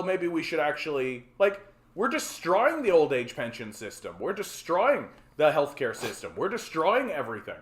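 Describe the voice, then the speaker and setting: A man in his forties from Canada, hosting a solo livestream in a frustrated, rambling rant full of stammered repeats. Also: medium pitch. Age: 40s. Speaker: livestream host. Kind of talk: ranting solo livestream talk. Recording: roomy echo.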